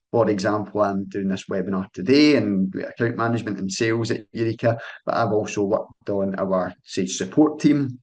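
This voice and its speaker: Over a call, a young man from Scotland, an account manager, runs a sales webinar in a relaxed, friendly way. His lowish voice is a little mellow, and he frequently hesitates with ums and starts over.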